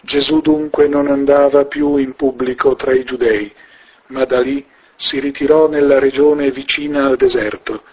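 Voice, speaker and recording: A man reads scripture in a solemn, measured way, very slowly and with a husky voice. His pitch sits in the middle range. The sound is dull and muffled, like an old radio broadcast. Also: little pitch movement, darkish tone. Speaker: scripture reader.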